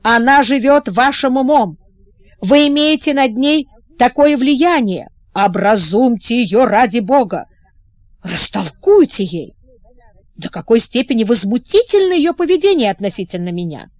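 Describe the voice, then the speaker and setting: A woman's voice: lively intonation, unhurried, a little mellow, no room sound, highs cut off. A woman voicing a furious, indignant young prince who sputters with rage in an audiobook. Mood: pleading. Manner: shrill, raging, sputtering. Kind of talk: audiobook character reading.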